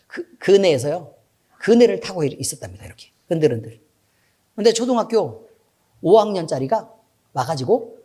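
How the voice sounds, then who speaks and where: A middle-aged man preaching a sermon as pastor, telling a story with asides to the congregation, swinging between loud emphatic bursts and low, quiet remarks.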